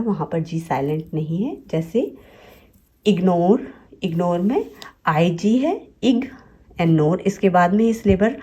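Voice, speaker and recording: A woman teaching English phonics, slowly and patiently, repeating each example word. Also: medium pitch, warm tone. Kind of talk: slow explanatory lesson.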